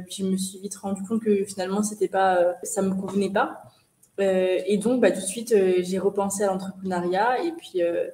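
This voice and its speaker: A woman in her twenties from France, a guest entrepreneur answering interview questions over a video call in a hesitant way, with many pauses. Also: medium pitch, dark tone, reverberant. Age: 20s. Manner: hesitant, many fillers and restarts. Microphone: shared webcam on video call.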